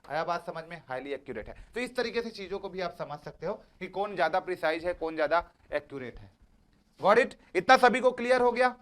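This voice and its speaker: A man's voice: high-pitched, lively intonation, a little fast, fairly bright tone. A man teaching an exam-prep lecture, repeating points and coaxing his students with frequent checks that they follow. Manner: repetitive, coaxing, calls students "beta".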